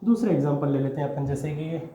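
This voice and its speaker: A man's voice: a little high, fast talker, warm tone, a little hiss or hum. Echoey man teaching a grammar lesson. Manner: patient, repeats "okay?" and quizzes the listener. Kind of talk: explaining English grammar to students. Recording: echoey room, dull lo-fi sound.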